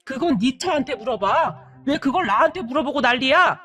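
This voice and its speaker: A woman's voice: high-pitched, animated, moderate pace, a bit bright. Woman reading a blunt, stern older mother-in-law. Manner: curt, scolding.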